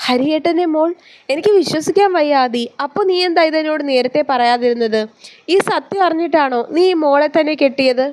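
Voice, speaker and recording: A woman's voice: high-pitched, brisk, voice pushed up, close to an everyday voice. A woman voicing an anguished middle-aged mother in a read-aloud storybook, speaking in a raised, pleading voice. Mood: shocked.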